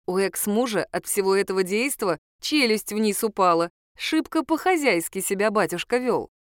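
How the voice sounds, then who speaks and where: A woman reading a first-person audiobook in a calm, wry storytelling manner, in a dry recording. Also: mid-range voice, normal speed, no room sound. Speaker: audiobook narrator.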